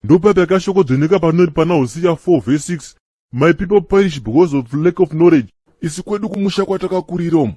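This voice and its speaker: An actor voices Chikombera, a chatty adult male Zimbabwean apostolic church member in a comic cartoon. His voice is fairly high and slightly rough, with clean, echo-free studio sound. The mood is lively as he talks fast and excitably, arguing and laughing.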